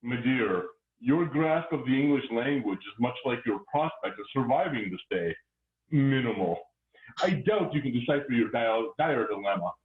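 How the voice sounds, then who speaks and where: A man's voice: medium pitch, expressive, normal speed, natural voice. Man playing a mustache-twirling melodrama villain, echoey phone-like sound. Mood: gloating. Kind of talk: hammy stage melodrama acting. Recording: echoey, tinny phone-like online call.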